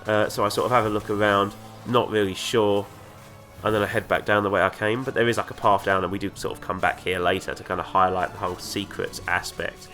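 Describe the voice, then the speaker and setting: A man's voice: on the low side, steady tone, fairly quick, bright, forceful tone. Chatty man with a flu-stuffed voice. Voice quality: nasal from a cold. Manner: chatty, rambling, enthusiastic. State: congested with flu. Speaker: gaming video host. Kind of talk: let's play commentary. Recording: game music playing underneath. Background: game music and sounds.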